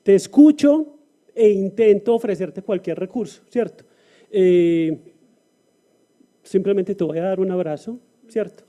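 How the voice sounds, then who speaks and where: A man with a high-pitched yet very dark, mellow voice speaks as a panelist. He talks in a reflective way, often restarting phrases and pausing on fillers. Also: highs cut off. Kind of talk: panel discussion talk.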